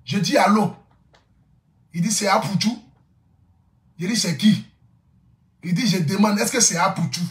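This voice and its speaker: A man's voice: high voice, unhurried, pauses often, a bit bright, echoey room. A man telling a comic vlog story, boisterous, laughing often and repeating his phrases. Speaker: social media influencer. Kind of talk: casual comic vlog monologue.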